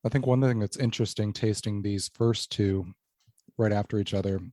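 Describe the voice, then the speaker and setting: A man hosting a podcast, leading a tasting in a measured, informative way. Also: fairly low pitch, steady tone, warm tone. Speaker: podcast host. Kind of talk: casual podcast chat, guided tasting.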